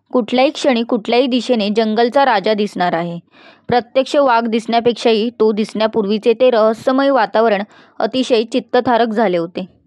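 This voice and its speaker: A woman reading an audiobook love story aloud in an even, measured way. Her voice sits somewhat high, and the recording is dry and close with no room sound. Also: no echo. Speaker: narrator. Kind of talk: scripted audiobook narration.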